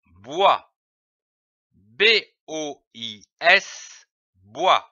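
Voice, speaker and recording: A man leads a slow reading drill for young children, sounding out every syllable letter by letter. His voice sits high and bright with a very lively sweep of pitch. The recording is dull, dry and lo-fi. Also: no echo. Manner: deliberate, spells out each syllable letter by letter. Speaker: reading teacher.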